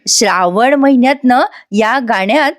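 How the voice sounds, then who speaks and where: Woman reviewer doing a cheerful clueless man, eager and repetitive, voice sits high. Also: measured pace, no echo, studio quality, lightly acted. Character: cheerful clueless grown man puzzling over song lyrics.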